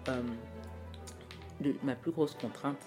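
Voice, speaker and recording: A woman's voice: a bass voice, slow pace. A woman from France hosting a solo podcast, talking to herself at home at night in a chatty, self-mocking ramble full of restarts and fillers, recorded on a portable recorder. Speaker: podcast host. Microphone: portable audio recorder. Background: faint classical music.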